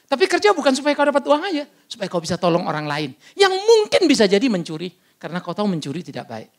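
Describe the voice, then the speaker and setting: A man with a Batak Indonesian accent preaches with a blunt, booming delivery. His voice sits high and swings wildly up and down, with a gravelly edge. He tells stories and breaks into sudden shouts. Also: quick pace. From North Sumatra, Batak. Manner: loud, blunt, animated storytelling with sudden shouts. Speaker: pastor. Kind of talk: sermon. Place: church service.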